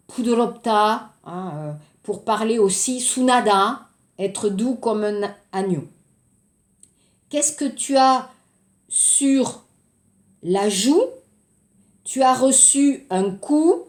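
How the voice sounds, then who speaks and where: A woman teaching French in a recorded lesson, going slowly and explaining word by word. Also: a little high, echoey room.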